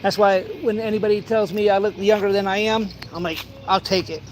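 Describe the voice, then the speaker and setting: A man in his forties vlogs while fishing outdoors at a pond, his high voice steady and brisk. He rambles casually through stories, dramatizing little conversations, and some ambient outdoor noise can be heard.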